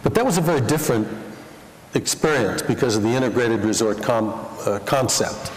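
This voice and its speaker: A man interviewing an honored guest onstage at a dinner, flattering and posing questions. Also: mid-range voice, brisk, a little hiss or hum. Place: large banquet hall. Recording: echoey banquet hall with crowd.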